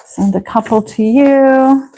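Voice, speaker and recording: In a live online English pronunciation lesson, a woman from Ohio speaks slowly and patiently, repeating words so her students can say them back. Her voice is high and mellow with an Ohio American accent, and there's a slight hiss or hum in the audio.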